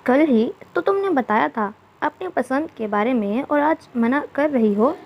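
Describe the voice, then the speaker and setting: A woman's voice: high voice, expressive, unhurried, heavily acted. A woman voicing a playful, teasing young husband in a storybook reading. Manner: teasing, affectionate. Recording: dull lo-fi recording.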